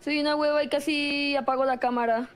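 A woman's voice: high voice, steady tone, brisk. A woman, a streamer playing a quiz contestant, blunt and joking, swearing freely. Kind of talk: casual stream banter.

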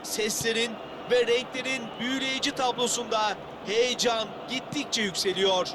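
A man playing an excitable football commentator in a video game, calling the match in short clipped phrases. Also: extremely high pitch, moderate pace. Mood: measured excitement. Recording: loud stadium noise behind voice.

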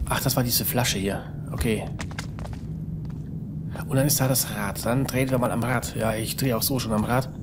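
A man talks his way through a video game in a casual, rambling manner, muttering to himself and letting out fretful sighs. His voice sits at an ordinary middle pitch. There is a clear layer of background noise under the recording. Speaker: let's player. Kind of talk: casual gameplay commentary.

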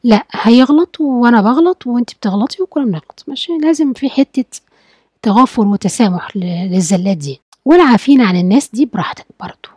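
A woman's voice: mid-range voice, dark tone, slightly rough, no echo. An Egyptian woman giving a chatty advice lesson to wives, acting out sample talks with a husband. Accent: Egyptian Arabic. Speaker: religious and marriage advice teacher. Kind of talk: casual spoken lesson to wives.

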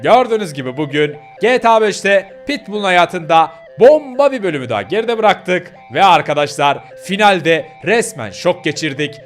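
A man's voice: high-pitched, sing-song, moderate pace, few pauses, soft background music. A man hosting a game role-play video, wrapping up for his viewers. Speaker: gaming channel host. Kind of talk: gameplay role-play narration.

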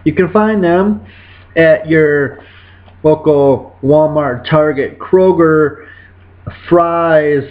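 A man's voice: a little high, extremely slow. A man in his thirties chatting casually while reviewing snacks at home, rambling and correcting himself, recorded on a webcam indoors. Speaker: food reviewer. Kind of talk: casual food review vlog. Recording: dull lo-fi webcam audio.

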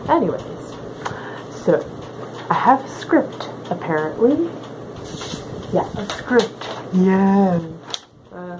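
Woman muffled inside a fursuit head, slow sassy chat, lowish voice, hissy noisy recording. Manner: playful, sassy, in character as a winged canine creature. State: muffled through costume head. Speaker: fursuiter answering fan questions. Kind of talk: casual chat. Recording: noisy background hiss.

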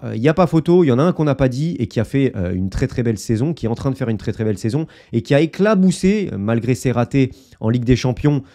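A man with a mellow, medium-pitched voice hosts a casual football video as a YouTuber. He talks to camera, offering opinions and analysis to his viewers with many fillers and asides.

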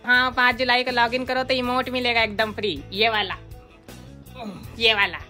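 महिला द्वारा निभाया रौबदार छोटा भाई. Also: female voice, on the high side, fairly even intonation, normal speed. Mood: chatty. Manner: bossy, cocky. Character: bossy young sibling demanding the laptop. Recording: loud background music.

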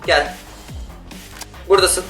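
A man giving casual gameplay commentary, excitable and yelling in bursts during fights, talking to the other players. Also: takes it slowly, recorded from a distance. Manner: talks to other players and teammates. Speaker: gaming YouTuber. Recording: roomy sound, off-mic, loud game music. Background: game music and gunfire.

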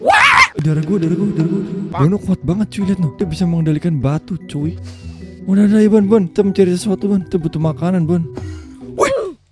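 A young man doing excitable, slangy let's-play commentary, bantering with a teammate and yelping at the game. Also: high voice, quick pace, soft background music. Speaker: gaming YouTuber.

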